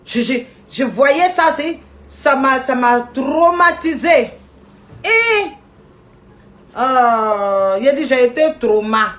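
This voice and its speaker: A woman's voice: high-pitched, lively intonation, slow, fairly bright tone. A woman ranting indignantly on a live video stream, scolding people and greeting viewers by name.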